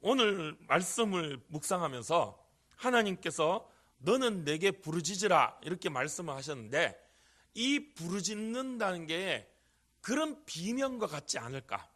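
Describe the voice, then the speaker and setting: Middle-aged male pastor, fairly high voice, earnest sermon delivery that builds to emphatic peaks, miked in church. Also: sing-song, measured pace, a bit bright. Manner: earnest preaching, rises to emphatic cries. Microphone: handheld or stand microphone.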